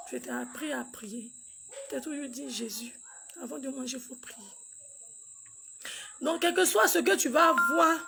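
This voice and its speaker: A woman with a high voice and a gravelly, fry-laden edge recounts a painful family story. She speaks haltingly, repeats herself and acts out the dialogue of the people involved. Her delivery is raw, personal storytelling. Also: a bit bright, a little hiss or hum. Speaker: grieving mother recounting a loss.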